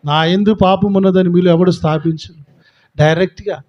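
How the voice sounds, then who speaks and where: Pastor, male, high voice, forceful preaching full of rhetorical questions; dull lo-fi recording. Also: steady tone, normal speed. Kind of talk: sermon.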